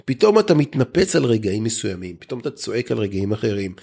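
A man's voice: fairly low pitch, very animated, creaky, warm tone, husky. A man, a group therapist and guest, explaining things thoughtfully in conversation and often restarting his sentences.

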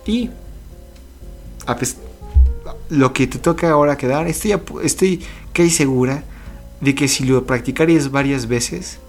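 A man's voice: mid-range voice, a little slow, pauses often, faint music behind, natural voice. Guy doing a chill motherly aunt, reassuring, spanish. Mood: soothing. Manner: soothing, reassuring. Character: calm motherly aunt, museum conservator.

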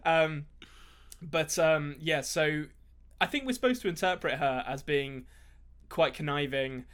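A man co-hosting a casual movie podcast, his voice sitting a little high. He rambles through his points with plenty of ums and restarts, dropping dry asides along the way. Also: measured pace, a bit bright, clear, resonant tone. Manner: rambling, filler-heavy, dry jokes. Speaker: podcast co-host.

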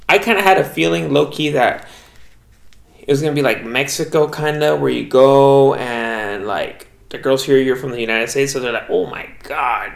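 A man's voice: medium pitch, vocal fry. A young man co-hosting a podcast, telling loose, profane travel stories in casual chat and acting out the people he quotes. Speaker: podcast co-host. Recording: echoey room.

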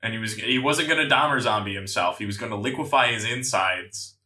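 A man co-hosting a casual podcast, ribbing the others in lively banter, recorded with a roomy echo. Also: lowish voice, brisk. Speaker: podcast co-host.

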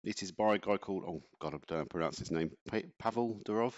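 A very deep-voiced man co-hosting a podcast, chatting and ranting in a loose, easygoing way. His lo-fi home recording has a dull, muffled sound. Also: racing. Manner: chatty, ranting, laughs often. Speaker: podcast co-host. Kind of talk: casual chat.

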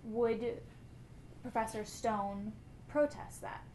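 A woman's voice: fairly high pitch, slow, darkish tone. A woman politely setting out a question in an orderly way at a live discussion. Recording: echoey room, clear background noise.

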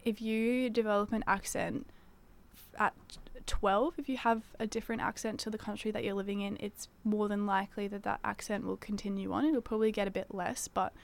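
A young woman from South Africa with an Australian accent, a speech pathology student chatting as a podcast guest, enunciating clearly and laughing often. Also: mid-range voice, level tone, brisk. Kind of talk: casual podcast chat.

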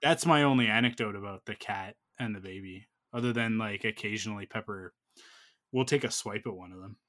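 A man's voice: on the low side, fairly quick, fairly bright tone. A man in his thirties telling a long personal story in casual chat, full of fillers and restarts. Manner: rambling, filler-heavy storytelling.

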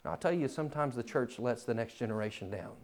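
A man preaching a sermon in a church, swinging from loud, climbing emphasis to quiet, low asides. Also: expressive, fast talker.

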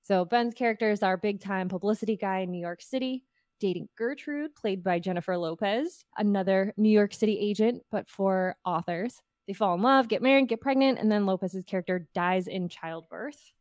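A female podcast host with a medium-pitched voice, reviewing films in a partly scripted, casual way. The sound is close and dry. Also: normal speed, darkish tone, no echo.

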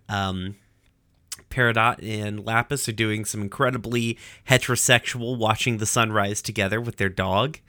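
A man's voice: on the low side, pushed and bright, dry recording, studio quality. A young man casually recapping a cartoon episode, rambling and swearing, with many fillers. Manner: profane, rambling, with lots of fillers.

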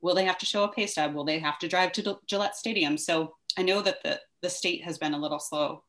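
Low-voiced chatty woman, thinking aloud. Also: fairly quick, a bit bright. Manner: laughs lightly while talking. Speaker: vice mayor, co-host. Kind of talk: casual civic discussion.

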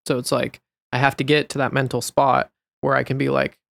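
A man's voice: medium pitch, flat delivery, fairly quick, creaky, a bit bright, no room sound. A man hosting a podcast, talking in a reflective, encouraging casual chat. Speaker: podcast host.

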